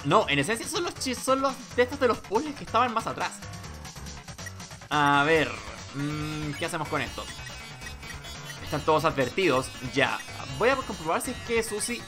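A woman giving casual let's play commentary, thinking aloud as she goes. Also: low voice. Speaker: gamer and amateur dubber. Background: game music.

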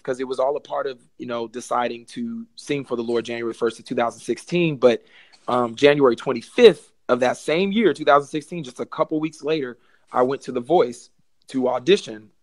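A man's voice: medium pitch, dry recording. A young man, a gospel singer, talking earnestly on a podcast about faith and sharing his story. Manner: earnest, preachy, addresses listeners as y'all. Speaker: podcast guest, gospel artist. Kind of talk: casual testimony chat.

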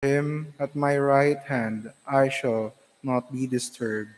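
Slow, deliberate lector in echoing church. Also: male voice, mid-range voice, steady tone. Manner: careful, deliberate reading with pauses between phrases. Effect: long echo of a large church. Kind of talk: liturgical scripture reading and psalm. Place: large church. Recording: long church reverb.

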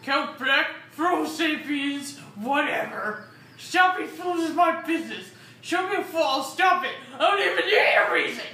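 A woman's voice: high-pitched, lively intonation, a little slow, bright, forceful tone, pitched above the performer's own voice, exaggerated voice. A woman voicing a brash, boastful male monster king in a video game, blustering with scorn. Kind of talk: reading video game dialogue aloud. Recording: roomy, distant mic, faint noise.

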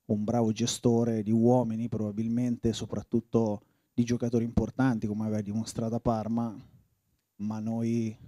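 Italian man in his forties, very dark mellow low voice, dry close sound, halting reflective storyteller. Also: completely flat delivery, dry recording. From Italy. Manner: reflective, halting, often restarts phrases. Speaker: former footballer. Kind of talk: reminiscing interview.

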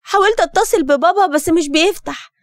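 A woman with an Egyptian accent voicing a hurt, tearful young woman in an animated story. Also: extremely high pitch, a little fast. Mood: upset.

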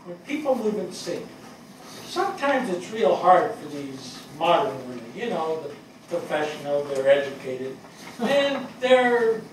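Before a theatre audience, an older man reads as an earnest, plainspoken fire captain from New York who reminisces fondly, conveying shy enthusiasm in halting, emphatic, colloquial speech. His pitch is fairly high with big swings. Echo from the hall, a distant mic and audible noise mark the recording.

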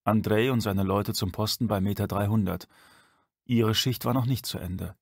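A man reading a dark science-fiction audiobook aloud in a measured way. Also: on the low side, fairly even intonation, creaky, no room sound, clean studio sound. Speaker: audiobook narrator. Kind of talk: scripted narration.

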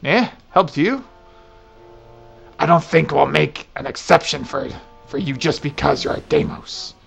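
A man voicing a gruff, blunt male demon warrior, reading video game dialogue in a stern, deliberate way. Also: on the high side, lively intonation, fairly bright tone, faint music behind, exaggerated voice. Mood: suspicious.

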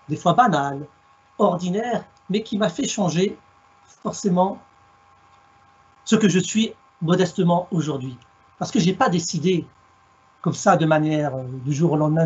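Over a headset on a video call from his home, an Alsatian guest speaker in middle age gives a thoughtful storytelling talk. The voice is fairly high, a little mellow and slightly rough, and the sound is lo-fi. His delivery stays measured and reflective, with some wordplay mixed in.

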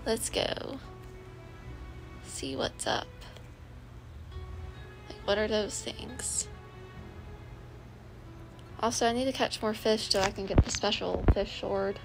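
A woman's voice: mid-range voice, slow, vocal fry, pauses often, low-quality recording. A woman streamer giving casual, musing gameplay commentary and addressing chat as y'all. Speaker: game streamer. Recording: game music playing behind.

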